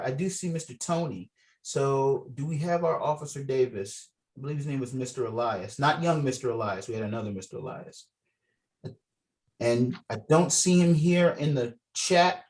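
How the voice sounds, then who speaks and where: This man's voice sits on the higher side with a darkish color, picked up by a video call microphone. Leading a script read, he reads stage directions in a relaxed, supportive, informal way.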